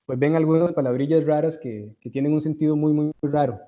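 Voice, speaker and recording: A man's voice: a little high, brisk, narrow, tinny audio. Costa Rican man lecturing casually. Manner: conversational, frequent "¿verdad?" check-ins and restarts. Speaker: university tutor. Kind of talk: online tutoring lecture.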